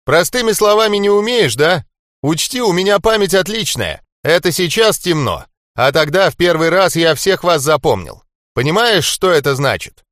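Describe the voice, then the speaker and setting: A man reading an audiobook, voicing a cocky, swearing male fighter who taunts and laughs loudly. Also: on the high side, big pitch swings, normal speed, no echo, clean studio sound, pitched above the performer's own voice. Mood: mocking. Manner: loud, jeering, laughing taunts. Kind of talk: audiobook character voice.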